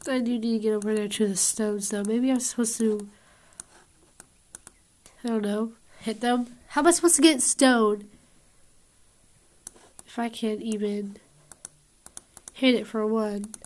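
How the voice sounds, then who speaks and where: A woman's voice: a little high, steady tone, a little slow, long pauses, darkish tone. A woman commentating on her survival game as she plays, puzzled and grumbling to herself about how things work. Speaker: gamer. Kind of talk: gameplay commentary.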